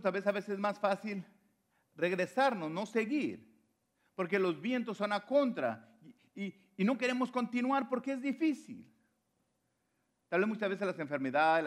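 A man preaches a sermon, repeating phrases for stress and swinging between soft, low lines and loud, high ones.

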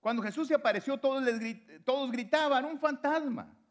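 A man preaching a sermon, repeating phrases for stress and swinging between soft, low lines and loud, high ones. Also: brisk.

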